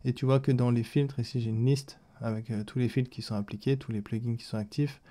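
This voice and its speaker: A man hosting a step-by-step software tutorial, talking straight to the listener and walking through each setting. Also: medium pitch, fairly even intonation, a little fast. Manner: explains step by step, addresses the listener as "tu". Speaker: streaming tutorial host. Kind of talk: screen-recorded software tutorial.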